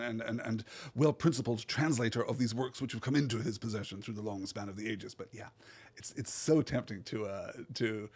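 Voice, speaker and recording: Podcast host, male, thoughtful literary talk, often stumbles and restarts, mid-pitched. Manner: thoughtful, with frequent stammered restarts. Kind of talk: live literary commentary.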